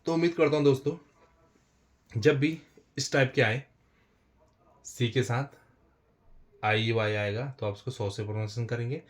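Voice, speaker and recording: At a normal speed with long pauses, a man teaches a basic English spelling lesson using a board, explaining step by step. His mid-range voice has fairly even intonation; he repeats himself and refers to viewers as friends.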